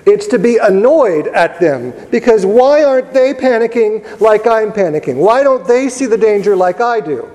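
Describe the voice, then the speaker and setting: A man preaching a sermon in a church, telling the story in a conversational way with pauses and repeated words. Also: sits high, expressive, a little mellow. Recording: long reverb of a large church hall.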